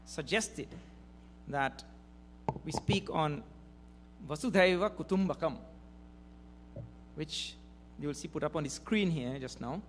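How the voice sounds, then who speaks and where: A man giving a spiritual discourse at a mission gathering, slow and deliberate, stressing key words. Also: on the high side. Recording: reverberant hall with faint hum.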